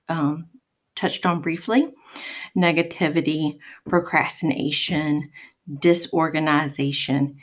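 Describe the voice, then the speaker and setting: A woman hosting a solo podcast, speaking with a raspy, hoarse voice in a calm, explanatory way with the occasional um. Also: deep voice. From United States. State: hoarse from pollen. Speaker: podcast host.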